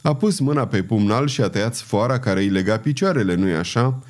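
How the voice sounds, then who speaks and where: A man voicing a cool, wry, confident male knight in an audiobook reading, speaking calmly and frankly. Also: fairly low pitch, close to an everyday voice.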